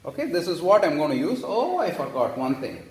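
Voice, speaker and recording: In a reverberant home kitchen, an Indian man speaking Indian English gives a casual cooking tutorial, his slightly high voice swooping wildly in pitch at a fairly quick pace. He chats along, corrects himself and keeps checking in with "okay?".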